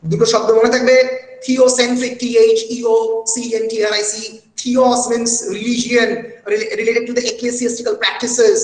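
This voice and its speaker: Slow, high-voiced man lecturing. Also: flat delivery, reverberant, big-room sound, rough recording. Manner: lecturing with many drawn-out fillers; recites quotations with feeling. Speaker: literature lecturer. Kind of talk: online lecture mixing Bengali and English.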